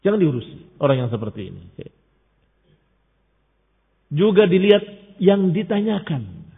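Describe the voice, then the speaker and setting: Man lecturing on religion, emphatic, fairly high voice, thin phone-like audio, long hall echo. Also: very animated, measured pace, gravelly. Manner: emphatic, rising sharply when rebuking; mixes Arabic terms with explanation. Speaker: Islamic teacher. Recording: tinny phone-like sound in a long-reverb hall.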